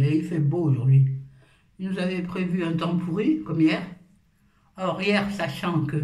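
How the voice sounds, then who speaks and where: A woman's voice: low voice, darkish tone. A playful, self-mocking woman in her fifties talks casually through her morning skincare routine at home. She sits well back from the mic, and her voice rings around a roomy, echoing space. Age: 50s. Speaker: beauty vlogger. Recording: roomy echo, far from the mic.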